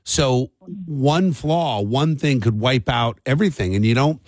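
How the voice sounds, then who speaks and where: A middle-aged American man hosts a morning radio show in an unhurried, mid-range voice with a darkish tone, chatting casually, taking calls, and asking lots of questions. He's on a close studio broadcast mic, and the recording is dry.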